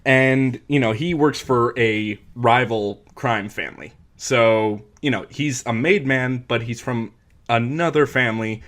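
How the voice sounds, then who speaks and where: Bright-voiced young man recapping a movie. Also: mid-range voice, a little slow. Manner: rambling, filler-heavy retelling with bursts of impressions. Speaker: podcast co-host. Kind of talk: casual movie recap chat.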